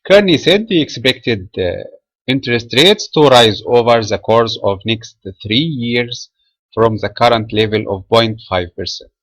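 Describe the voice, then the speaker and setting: A man from Egypt, a trading trainer, reading a market commentary webinar from a script in a measured way with small filler pauses. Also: mid-range voice, animated, fairly bright tone, no room sound, low-quality recording.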